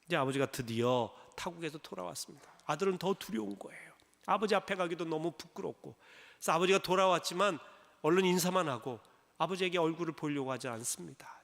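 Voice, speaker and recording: A male pastor preaching a sermon, telling a story and acting out its lines in a lower voice. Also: gravelly, fairly bright tone. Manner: acts out dialogue in a lower voice, urgent emphasis. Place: church sanctuary. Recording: church hall reverb.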